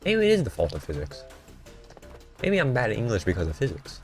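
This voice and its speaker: A man's voice: on the low side, wildly swooping pitch, brisk, a little mellow, faint music behind. A man streaming a game, rambling and mocking himself in casual chat at a desk mic. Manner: self-mocking, rambling, jokey.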